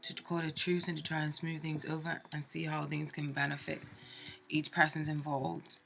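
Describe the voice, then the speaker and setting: A woman reads tarot casually and chattily, stumbling through fillers and restarts while stuffed up with a cold. Her voice sits low, creaky and a bit bright, with little pitch movement at normal speed.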